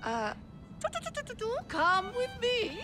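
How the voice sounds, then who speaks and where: An actress playing an effusive Victorian society hostess, drawn-out and singsong. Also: female voice, very high voice, huge pitch swings, over music, full character voice. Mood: gushing.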